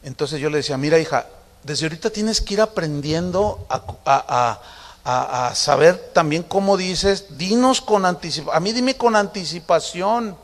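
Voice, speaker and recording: Middle-aged man, pastor, chatty sermon with acted-out family anecdotes, fairly high voice, long hall reverb. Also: lively intonation, normal speed. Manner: conversational storytelling, acting out family dialogue with humor.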